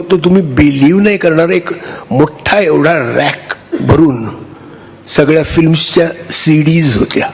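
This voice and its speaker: An older man gives a halting, chatty speech on stage, thanking people and joking with the audience. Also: on the high side, vocal fry. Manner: halting, restarts, warm and chatty with the crowd. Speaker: honoree giving a speech.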